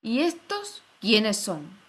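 A woman voicing a haughty, hot-tempered queen of playing cards in a storybook reading, barking orders and shouting. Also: on the low side, lively intonation, slow pace. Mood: imperious.

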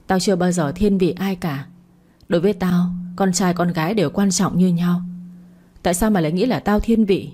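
A furious older mother, betrayed by her own daughter and scolding her harshly, as a woman reads her part in a storybook. The voice sits low with a mellow tone, and the words come out rough and biting. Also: brisk. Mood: despairing.

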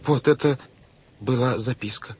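A man reading an audiobook, voicing an angry clever boy who shouts and snaps back. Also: mid-range voice, a little slow, lo-fi sound, a little hiss or hum, pitched above the performer's own voice, close to an everyday voice. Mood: defiant. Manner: shouting, snapping.

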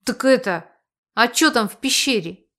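A woman's voice: a little high, animated, normal speed, fairly bright tone. A woman voicing a cocky, thuggish male spirit guide who talks in street slang, in an audiobook.

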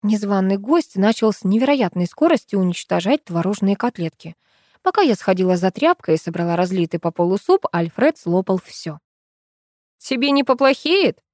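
A woman reading a first-person comic audiobook with expressive narration. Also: mid-range voice, fairly quick, no room sound, clean studio sound. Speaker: audiobook reader.

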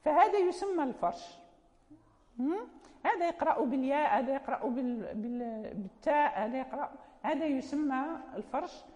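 A woman's voice: sits high, lively intonation, fairly quick, mellow. A woman teaching Quran recitation in a lecture, speaking Arabic with a Moroccan accent, explaining patiently with fillers and self-corrections. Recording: muffled sound with long hall reverb.

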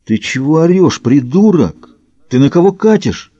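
A man's voice: fairly high pitch, sing-song, moderate pace, mellow, no room sound, highs cut off, pitched above the performer's own voice. A man doing a sneering brutish thug. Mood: furious. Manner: sneering, rough. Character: brutish mocking male thug, contemptuous.

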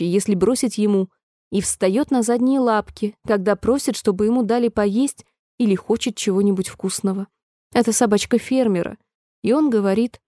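A woman's voice: a little high, dark tone, dry recording, studio quality, close to an everyday voice. A woman voicing a polite, chatty, fretful little girl in a storybook reading, sounding eager and apologetic.

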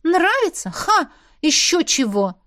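A woman's voice: high voice, sing-song, normal speed, voice pushed up. A woman voicing a hot-tempered young heroine. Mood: indignant. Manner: heated, exclaiming, indignant.

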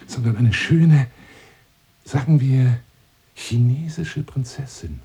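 In a radio drama monologue, an actor plays a pompous, lonely hunter seducing a woman, his delivery grandiloquent and insinuating as it shifts between hushed and declaimed lines. The voice is deep, and there's noise in the background.

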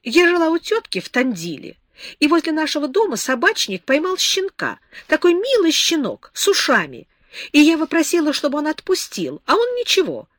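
A woman's voice: high-pitched, wildly swooping pitch, normal speed, dry recording, clean studio sound, voice pushed up. A woman voicing a capricious, tipsy young woman in an audiobook, whimsical and dreamy. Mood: excited. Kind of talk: audiobook character reading.

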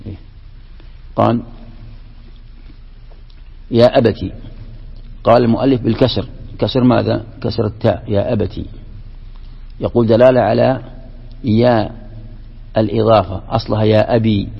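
Man, sheikh giving a lesson; rough, husky voice, recorded dull and lo-fi. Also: fairly low pitch. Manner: explains step by step, poses questions to students. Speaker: sheikh teaching Quran commentary. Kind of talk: classroom lesson on scripture and grammar. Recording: dull lo-fi recording with long hall reverb.

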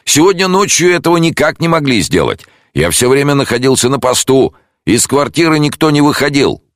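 A man's voice: medium pitch, sing-song, fairly quick, dry recording, studio quality, pitched above the performer's own voice, lightly acted. A man voicing a stolid police sergeant who speaks in a formal, official manner. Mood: officious.

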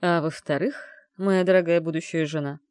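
A woman's voice: lowish voice, fairly even intonation, moderate pace, darkish tone, clean tone, dry recording, studio quality, close to an everyday voice. A woman voicing a smug, arrogant young male fiancé with a drawling delivery.

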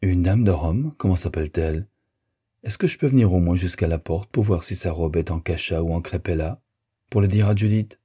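A man's voice: low-pitched, brisk, warm tone, husky, no room sound, studio quality. A man voicing a pert, fashion-minded girl who talks in a sniffy, condescending way. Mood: coaxing.

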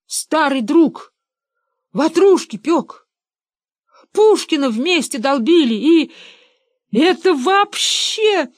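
A woman voicing a timid, bookish young man who shouts in fright in a storybook reading. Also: sits high, lively intonation, a little slow, no echo, clean studio sound. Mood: pleading.

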